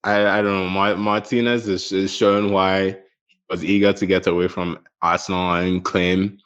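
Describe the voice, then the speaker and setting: A man's voice: deep voice, flat delivery, moderate pace, fairly bright tone, clear, resonant tone, highs cut off. A man talking football casually as a panelist, hesitant and repeating his phrases. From Ghana.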